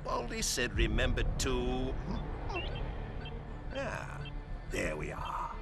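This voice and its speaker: An actor playing a flamboyant, murderous clown villain in a video game, with a theatrical, mocking delivery. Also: male voice, mid-range voice, wildly swooping pitch, takes it slowly, gravelly, loud music behind the voice, exaggerated voice. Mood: gleeful, mocking. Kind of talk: video game cutscene acting.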